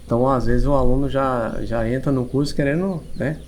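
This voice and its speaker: A man with a Brazilian Portuguese accent, an English teacher giving long, measured explanations as a podcast guest, often restarting his sentences. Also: medium pitch, a little mellow, a little hiss or hum. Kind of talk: podcast interview.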